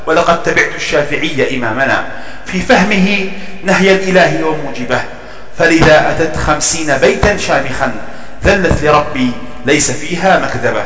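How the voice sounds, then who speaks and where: Echo-drenched man declaiming classical verse, high-pitched. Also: lively intonation, fairly bright tone, slight background noise. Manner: formal, emphatic, measured declamation. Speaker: poet reciting his own verse. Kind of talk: declamatory classical poetry recitation. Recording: echoey, long reverb, distant from mic.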